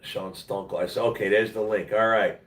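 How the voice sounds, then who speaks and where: Low, nasal man in an echoey room. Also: fairly even intonation, moderate pace. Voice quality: nasal, congested voice. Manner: blunt, slangy, plain-spoken. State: under the weather, voice worn out. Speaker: live stream host. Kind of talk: casual rambling livestream chat. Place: at home, roomy-sounding indoor space. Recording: echoey room, distant mic.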